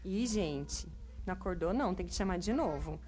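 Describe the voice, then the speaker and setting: A woman's voice: lowish voice, expressive, moderate pace, a little mellow. Give me a playful, teasing woman storyteller performing at a church. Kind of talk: playful puppet act at church.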